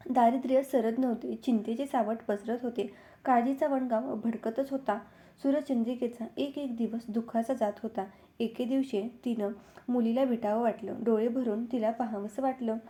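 A woman storyteller narrating a devotional tale in a measured, rhythmic recital. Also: fairly high pitch, steady tone, mellow, breathy edge.

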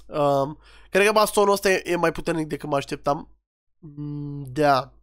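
A man with a Romanian accent, playing a police officer during a role-play over game footage, bossy and scolding with rapid commands. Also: on the high side.

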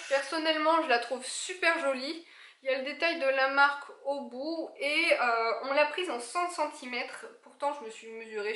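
Woman, thirties, high voice, casual haul vlog, chatty with fillers, echoey room. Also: bright, forceful tone. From France. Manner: chatty, many fillers and restarts. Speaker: equestrian YouTuber.

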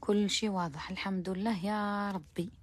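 A woman's voice: mid-range voice, steady tone, a little fast. A woman with an Algerian Arabic accent showing abayas to viewers in a chatty shop walkthrough, mixing in French words and sometimes dropping to a near whisper. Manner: chatty, mixes French words, praising each garment. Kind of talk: live shopping try-on walkthrough.

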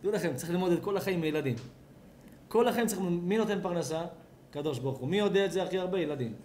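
A man, a rabbi, giving an animated sermon at a home gathering, asking the audience questions and acting out voices. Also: high-pitched, a little hiss or hum. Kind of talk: lively sermon at a house blessing.

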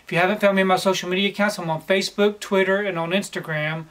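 Facing the camera from his shelf-lined room at home, a forties-aged collector vlogger chats through a casual haul video. His fairly high male voice stays relaxed and plain, with "um" pauses coming often.

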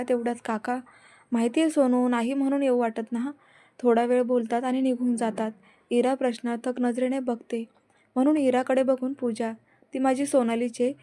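A woman with a voice on the high side narrates a serialized love story, voicing every character's dialogue in the same steady tone.

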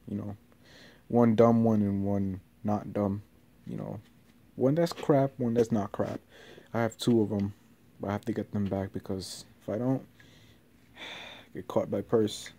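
A young adult man rambles casually like an amateur vlogger, meandering, hesitant and offhand, holding a phone at arm's length in a small bedroom. His voice is on the low side and dark-toned, unhurried, with long pauses. The noisy phone recording has clear hiss.

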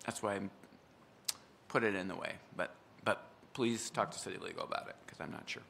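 A man serving as council president, explaining an ordinance in a council meeting, halting and hedging as he talks, with the hiccups. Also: deep voice, creaky, a bit bright, a little hiss or hum. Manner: halting, hedging speech with restarts. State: has hiccups.

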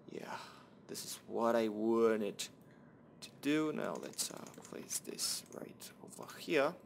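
A man's voice: a little high, gravelly, a bit bright, slight background noise. A young man rambling and swearing to himself while commentating a building game, often muttering under his breath. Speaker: Minecraft let's-play host. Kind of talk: casual gameplay commentary.

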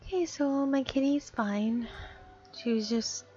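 A woman's voice: high voice, a little slow, a little mellow, lo-fi sound, soft background music. A woman giving casual gameplay commentary, chatty and often muttering or half-whispering to herself. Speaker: gameplay streamer.

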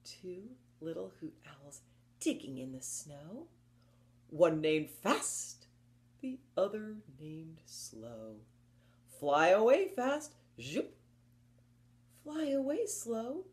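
In a small book-lined room at home, a woman with a lowish voice leads story time for little children. She reads rhymes and picture books slowly and deliberately, her very lively melody rising and falling, and she encourages the listeners expressively with questions.

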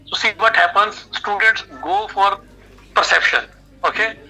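Sharp, high-pitched Indian man on video call. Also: steady tone, a little slow, poor audio. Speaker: expert guest, education adviser. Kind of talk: explanatory interview talk. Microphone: video call on a phone speaker.

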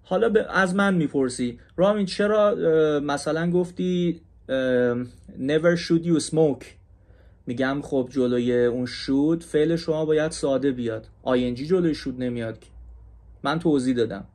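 A man teaching an English grammar class, explaining in Persian and saying each English example slowly and carefully, with questions to his students. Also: fairly high pitch, a little mellow. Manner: talks straight to students, asks them questions.

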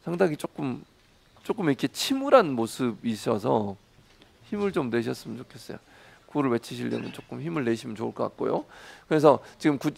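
A man's voice: medium pitch, creaky. A man giving live commentary over parliament footage, arguing heatedly with rhetorical questions, then chatting through the scenes. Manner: chatty, amused play-by-play.

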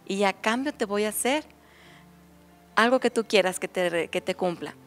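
A woman voicing a kindly fairy disguised as a poor old woman in a spoken storybook, speaking softly and calmly. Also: mid-range voice, normal speed, faint music behind, natural voice.

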